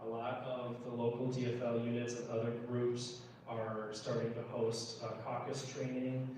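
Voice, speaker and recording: A middle-aged American man from Minnesota speaks as a political candidate at an informal town hall, answering questions in an indoor public meeting room. His delivery is explanatory and even in pitch, interrupted by halting pauses. Recorded from a distance, the audio is very reverberant, with roomy echo and clear background noise.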